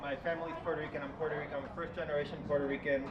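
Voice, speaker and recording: A man's voice: a little high, flat delivery, racing. A man from New York City giving a casual live talk, loose and self-deprecating, leaning on his notes. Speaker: guest speaker. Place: live event venue. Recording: dull, distant, echoey, noisy hall.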